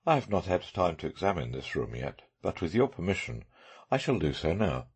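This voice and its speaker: A man voicing a brilliant, self-assured male detective with dry, measured sarcasm in an audiobook. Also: low voice, very animated, slightly rough, voice pushed down, heavily acted. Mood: businesslike.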